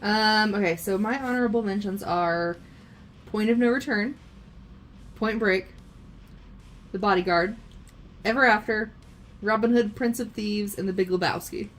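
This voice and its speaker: A woman's voice: medium pitch, measured pace, long pauses, poor audio. A young woman co-hosting a casual movie podcast with her husband, giggly and teasing. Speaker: podcast co-host, host's wife.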